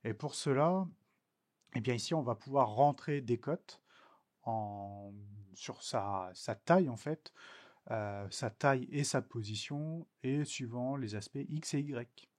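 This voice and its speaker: Hesitant French man teaching software. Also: medium pitch, slow. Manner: hesitant, many filler sounds. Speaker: technical instructor. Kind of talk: screen-recorded software tutorial.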